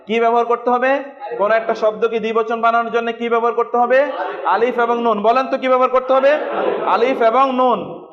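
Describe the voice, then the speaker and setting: A man teaching Arabic grammar to a class, asking questions, repeating words slowly and prompting students to answer. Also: very high voice. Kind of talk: classroom lesson with call-and-response drilling. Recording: dull lo-fi recording.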